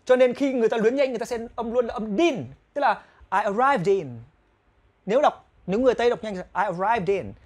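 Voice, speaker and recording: A man with a Vietnamese accent teaching English pronunciation, repeating English phrases slowly between explanations. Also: extremely high pitch, darkish tone. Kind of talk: pronunciation lesson.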